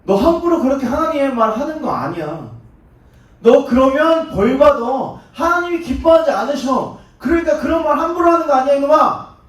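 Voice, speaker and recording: A man's voice: extremely high pitch, very animated, fairly quick, hardly any pauses, pitched above the performer's own voice. A man voicing an older townsman who scolds a young man as if he were a child. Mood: scolding. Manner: chiding, talking down. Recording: echoey church hall, distant mic.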